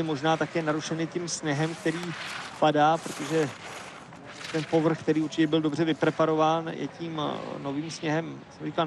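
A man giving live, measured ski race commentary, analytical and hesitating now and then. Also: fairly high pitch, gravelly, background noise.

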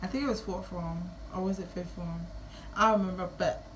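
A woman's voice: lowish voice, steady tone, fairly quick, fairly bright tone, slight background noise. A woman in her early twenties with a Kittitian-Nevisian Caribbean accent, chatting casually and playfully to camera. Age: early 20s. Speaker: vlogger. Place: small room at home.

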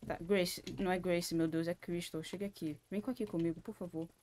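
Brazilian woman, gaming streamer, lowish voice, jumpy and cursing. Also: steady tone, brisk, a little mellow. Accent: Brazilian Portuguese. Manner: jumpy and scared, swearing often, talking to herself. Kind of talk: live gaming commentary.

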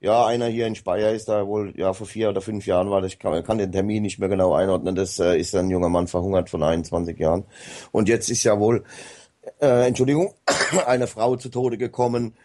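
A man's voice: on the low side, steady tone, brisk, a little mellow. A man talking casually as a guest on a radio show, rambling with many hesitations and fillers.

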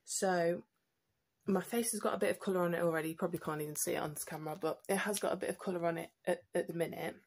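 A woman's voice: lowish voice, fairly even intonation, quick pace, slightly rough. Stuffy-nosed British woman chatting skincare. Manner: chatty, many ums and restarts. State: stuffy nose. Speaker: beauty vlogger. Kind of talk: casual skincare tutorial. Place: at home.

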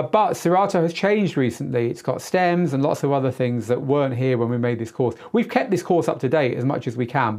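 A middle-aged man with a mid-range, darkish voice hosts a live Q&A as a DJ tutor, explaining things in a casual, emphatic and chatty manner. The session takes place in a small indoor studio, picked up by a lapel mic.

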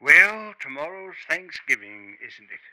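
An actor playing a genteel, secretive professor in a 1950s radio drama, polite, coy and slyly ingratiating. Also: male voice, fairly high pitch, expressive, measured pace, pushed and bright, heavily acted. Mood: affable. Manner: polite, coy, smooth-talking. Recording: noisy old 1950s radio recording.

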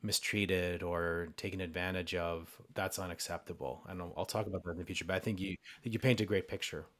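A man hosting a podcast conversation, speaking in slow, deliberate, affirming phrases. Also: sits low, fairly even intonation, fairly bright tone. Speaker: podcast host. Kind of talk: conversational interview.

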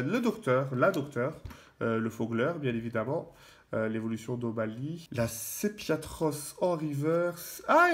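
A chatty man, his voice sitting a little high for a man. He talks casually and excitably, piling up fillers and repeating words as he goes, while card wrappers crinkle behind him. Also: a little hiss or hum. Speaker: YouTuber opening trading card packs. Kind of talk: casual card-opening commentary.

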